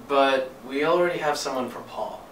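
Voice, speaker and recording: A young man acting in an amateur student skit as an upbeat, smooth-talking casting producer. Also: medium pitch, moderate pace. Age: young adult. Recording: roomy, distant, faint noise.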